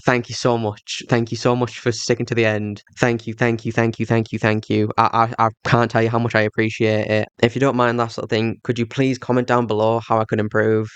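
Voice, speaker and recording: Fairly quick and completely flat, with few pauses, a man's medium-pitched, clean voice carries a thick Yorkshire accent. He reads scripted game retrospective commentary, then offers casual thanks to viewers. A budget microphone captures it with no room sound.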